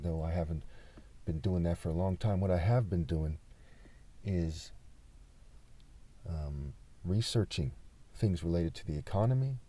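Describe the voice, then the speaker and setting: A man from California talking insistently in an unscripted vlog monologue, pausing often with fillers. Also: low-pitched, warm tone. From California, USA. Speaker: vlogger.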